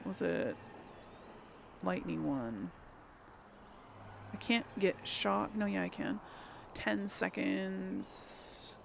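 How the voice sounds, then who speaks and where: In a creaky, medium-pitched voice, a let's player hosting a role-play game muses aloud casually, hesitating and often trailing off. The recording carries a slight hiss or hum.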